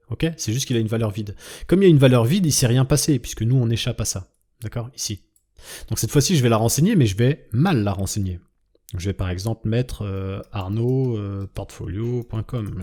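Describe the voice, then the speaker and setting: Here a coding instructor with a dark, mid-range voice explains his tutorial one step at a time while sharing his screen. Thinking aloud as he types, he drifts off mid-thought and keeps checking in with a frequent "d'accord?"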